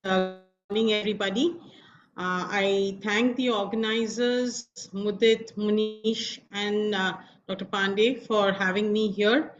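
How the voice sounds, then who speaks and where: A middle-aged woman with an Indian accent giving a formal, measured medical lecture as a professor. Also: mid-range voice, steady tone, faint music behind. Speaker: professor of radiation oncology, guest speaker. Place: online video call. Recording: dull lo-fi video call audio.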